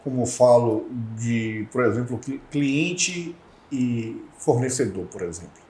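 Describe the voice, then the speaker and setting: A man's voice: medium pitch, lively intonation, slow, a little mellow, roomy sound. A man with a Brazilian Portuguese accent hosts a podcast. He asks questions and gives short, affirming replies. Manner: brief affirming interjections. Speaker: podcast host. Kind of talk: interview questions.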